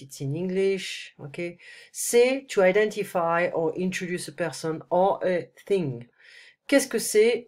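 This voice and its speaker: A French tutor with a deep, darkish voice and a stuffy nose from a cold records a one-on-one screencast lesson through her computer mic. She patiently switches between French and English, frequently checking "ok?"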